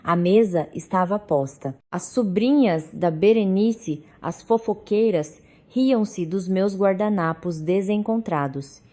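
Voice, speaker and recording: A woman narrating a scripted first-person drama story in a measured, dramatic way. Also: medium pitch, warm tone.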